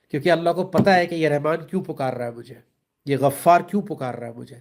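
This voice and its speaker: Pakistani guy giving a religious talk, pretty high voice, earnest, slips english words in. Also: a little mellow. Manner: earnest, explaining with everyday examples, mixing in English words. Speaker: Islamic speaker.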